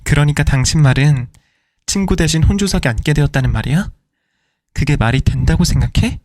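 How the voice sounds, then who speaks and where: A man's voice: on the high side, brisk, no echo, studio quality, pitched above the performer's own voice, close to an everyday voice. A man voicing a furious middle-aged wife. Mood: indignant. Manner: indignant, shouting questions.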